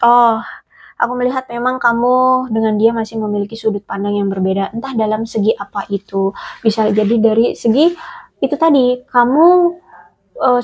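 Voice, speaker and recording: A woman's voice: fairly high pitch, slightly rough. A woman giving a casual tarot reading straight to the listener, chatty and hesitant, with many fillers and restarts. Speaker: tarot reader.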